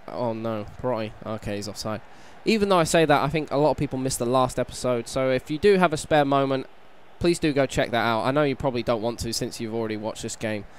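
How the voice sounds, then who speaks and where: A hungover British man giving casual, self-deprecating commentary on a video game playthrough, sounding slightly croaky. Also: mid-range voice. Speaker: gaming YouTuber, host. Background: background music.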